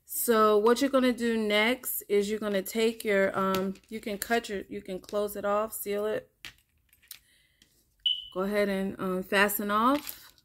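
A woman hosts a hands-on crochet tutorial at a slow pace, with a middling pitch. She explains casually, step by step, and counts out each part without hurry. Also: fairly even intonation, fairly bright tone, a little hiss or hum. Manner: unhurried, counting out steps. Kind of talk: casual step-by-step craft instruction.

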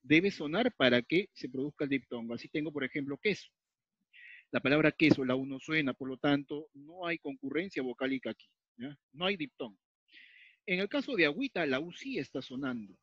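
Fairly high-voiced teacher checking in often. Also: male voice, expressive, a little fast, slightly rough, no echo. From Peru. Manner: explains step by step, repeats key points, checks in with frequent "¿ya?". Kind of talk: recorded grammar lesson. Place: at a whiteboard or tablet, writing as he talks. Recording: dull lo-fi dry recording.

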